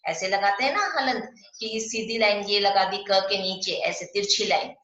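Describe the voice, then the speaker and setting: A woman teaching an online Hindi class to young pupils. She explains step by step, asks questions and answers them herself, and slows down to stress the sounds of example words. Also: medium pitch, sharp tone. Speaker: primary school Hindi teacher. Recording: echoey, dull lo-fi room sound.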